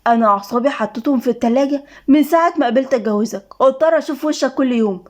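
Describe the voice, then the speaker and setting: A woman's voice: high voice, racing, close to an everyday voice. A woman with an Egyptian accent voicing a cold, sarcastic young wife in a storybook reading, mocking and scornful. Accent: Egyptian Arabic.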